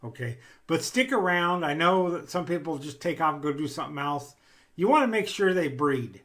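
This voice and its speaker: A man's voice: on the high side, lively intonation, normal speed, fairly bright tone. A man who breeds rabbits, giving a rambling, plainspoken how-to talk with a folksy manner.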